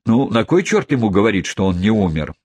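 A man's voice: on the low side, sing-song, brisk, darkish tone, breathy edge. A man reading the part of a blunt, hearty older country host. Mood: gruff.

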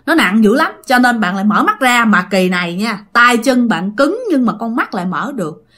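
Woman storyteller, Southern Vietnamese accent, bright and animated, dramatic and chatty with listeners. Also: on the high side, normal speed. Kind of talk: casual ghost story telling.

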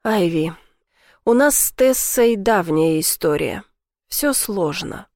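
A woman voicing a quiet, troubled young man in an audiobook, speaking softly and low-key. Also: animated, takes it slowly, dry recording, studio quality.

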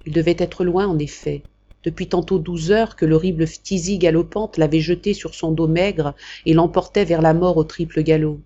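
A woman narrating an audiobook in a measured, expressive reading. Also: on the low side, highs cut off. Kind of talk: scripted narration.

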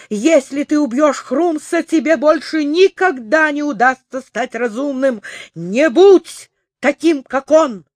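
A man voicing an eager, kind-hearted young boy hero who pleads and shouts earnestly in a storybook reading. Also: very high voice, dry recording, clean studio sound, voice pushed up, full character voice.

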